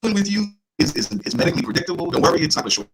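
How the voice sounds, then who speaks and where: A man's voice: high voice, racing, heavy background noise. A man reading the news break over a remote call from headphones, his line choppy with word endings cutting out. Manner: lively, chatty, laughs between sentences. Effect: choppy remote line with cut-off word endings. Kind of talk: reading local news on a talk show.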